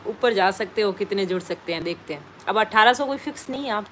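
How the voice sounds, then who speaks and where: A woman's voice: mid-range voice, lively intonation, a little fast, a little hiss or hum. A woman chatting casually on a live stream, greeting viewers and reading their names aloud from the comments.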